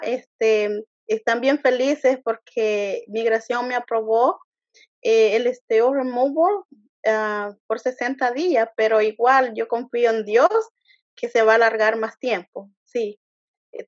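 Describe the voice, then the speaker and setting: A woman with a slightly high voice, telling her story in an earnest, halting way, stopping and restarting often. The sound is dull and lo-fi, with a dry, close feel. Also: no echo. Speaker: interviewee. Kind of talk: emotional personal testimony.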